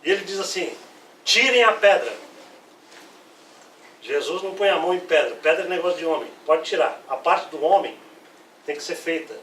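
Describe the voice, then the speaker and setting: A male pastor, preaching a lively sermon and acting out Bible quotes. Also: on the high side, fast, slight background noise. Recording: echoey room, voice from far off.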